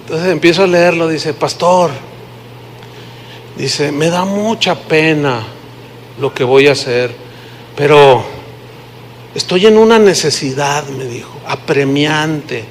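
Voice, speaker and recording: A middle-aged man with a Mexican accent, preaching a sermon and telling a story, acting out the quoted dialogue with shifts in pitch and volume. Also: lively intonation, slow, long pauses, a little hiss or hum. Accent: Mexican Spanish. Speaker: pastor.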